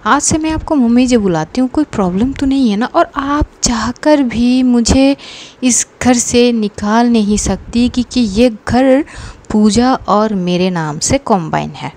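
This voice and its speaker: A woman's voice: a little high, unhurried, darkish tone. A woman voicing a bold, teasing young woman in love, talking back with playful defiance in a narrated story. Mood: cheeky. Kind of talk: narrated story with acted dialogue.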